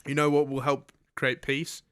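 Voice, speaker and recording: Bright, crisp young man joking on air. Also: medium pitch, little pitch movement, normal speed, dry recording, studio quality. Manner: joking, reads news items with sarcastic asides. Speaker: co-host. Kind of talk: comedic radio-style podcast banter. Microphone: studio microphone.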